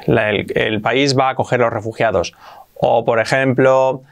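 A man from Spain with a Spanish accent, teaching English words in a casual lesson, repeating example phrases slowly and acting out little dialogues. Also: mid-range voice, steady tone, creaky.

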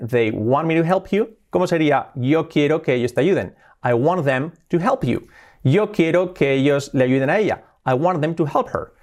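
A man teaching an English lesson, asking questions to his learners and answering them himself, with short laughs between examples. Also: fairly high pitch. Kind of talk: language lesson.

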